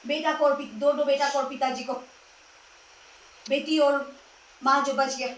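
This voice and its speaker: A woman's voice: sits high, flat delivery, measured pace. A woman preaching a sermon, urging listeners with rhetorical questions and repeated phrases. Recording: echoey room from a distance.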